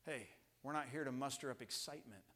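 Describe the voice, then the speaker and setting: A middle-aged man preaching a Baptist sermon in a church, swinging from loud passionate highs to low hushed lines and often repeating and restarting words. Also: fast. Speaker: pastor. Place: church sanctuary.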